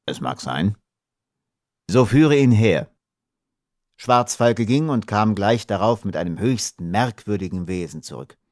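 A man narrating an adventure novel as an audiobook, reading in an expressive storytelling manner. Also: lowish voice, no echo, studio quality. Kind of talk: scripted narration.

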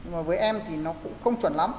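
A man's voice: a little high, fast, a little mellow. A man teaching English pronunciation in an online class, explaining and coaching students step by step. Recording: echoey, roomy hall sound with faint hiss.

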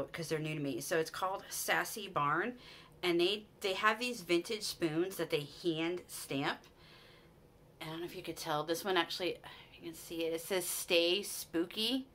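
A bright, lower-pitched woman in her forties with a Utah American accent chats eagerly to the camera about her finds. She talks from a small room at home, her voice picked up at desk distance with a faint hiss of room noise behind. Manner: chatty and enthusiastic, with frequent restarts and "you guys". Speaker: vlogger. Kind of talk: casual haul chat to camera.

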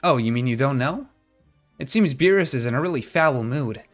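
A man's voice: mid-range voice, expressive, normal speed, soft background music, close to an everyday voice. A man reading out the lines of a gossipy, worried oracle fish in a video game. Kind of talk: video game dialogue read aloud.

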